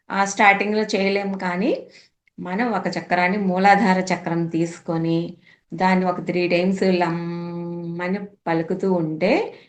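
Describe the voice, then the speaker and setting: A woman teacher patiently explaining meditation practice step by step, mixing English words into her talk. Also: medium pitch. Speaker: spiritual teacher. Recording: echoey room.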